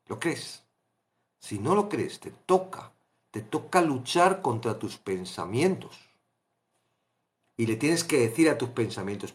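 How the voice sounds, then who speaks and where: A man teaching a Bible study, impassioned, swinging between hushed asides and loud exclamations. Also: medium pitch.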